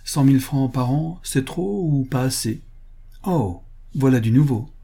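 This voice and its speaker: A man's voice: medium pitch, lively intonation, a little slow, creaky, mellow, breathy edge, voice pushed up, heavily acted. A male audiobook reader playing a blasé, self-assured aristocratic marquis with an ironic manner. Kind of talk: audiobook character voice.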